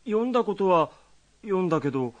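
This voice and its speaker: A timid, stammering student. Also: male voice, high-pitched, expressive, a little fast, highs cut off. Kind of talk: film drama acting.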